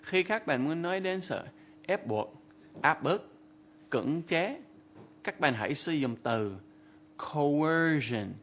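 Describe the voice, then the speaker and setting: A man's voice: on the high side, expressive, slow, long pauses, background noise. A man presenting an English vocabulary lesson, explaining words and translating example sentences in scripted narration.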